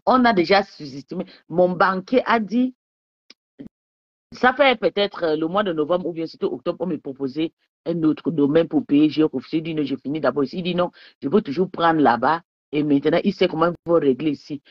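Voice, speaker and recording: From her bedroom, a woman on a casual live stream sips wine while bragging, taunting rivals and repeatedly asking viewers whether they understood, rambling as she goes. Her voice is deep and fairly quick, in a dry recording with the highs cut off.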